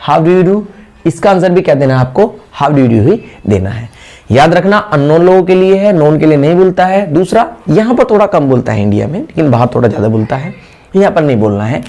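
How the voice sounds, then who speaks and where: A man's voice: mid-range voice, darkish tone. A man with an Indian accent, a spoken English teacher, explains patiently and keeps repeating English phrases so they sink in. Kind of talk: classroom explanation.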